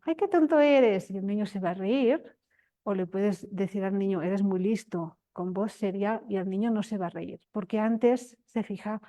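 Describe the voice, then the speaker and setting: A woman's voice: mid-range voice, darkish tone. Woman lecturing, explanatory and earnest. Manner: explanatory, with frequent restarts and rising emphasis. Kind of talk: academic lecture.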